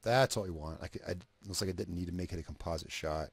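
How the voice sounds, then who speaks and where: A man's voice: deep voice, fast talker, creaky, breathy edge, no room sound. A man talking through a video edit as he works, thinking aloud, trailing off and restarting, swearing casually, a cigarette in his mouth. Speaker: video creator narrating an editing session. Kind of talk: casual screen-recording commentary.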